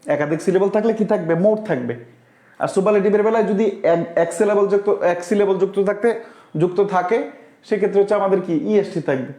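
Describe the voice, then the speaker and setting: A man teaching an English grammar class live, explaining each point slowly and stopping to ask the viewers whether they have understood. He reads out their comments and answers them. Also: sits high, dark tone, roomy sound.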